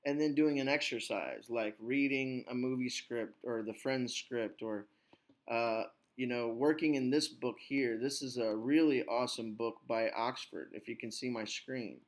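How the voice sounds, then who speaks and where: A man's voice: mid-range voice, unhurried. Laid-back guy teacher walking through a textbook, chatty, lots of um and you know. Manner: relaxed, reassuring, rambling with fillers. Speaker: English teacher and podcast host. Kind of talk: casual chat.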